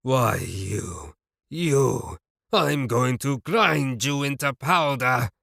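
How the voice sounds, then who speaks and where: A man voicing a bald, furious male gang boss who growls and croaks his threats in an audiobook. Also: fairly low pitch, measured pace, pushed and bright, dry recording, clean studio sound. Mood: enraged. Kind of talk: audiobook character voice.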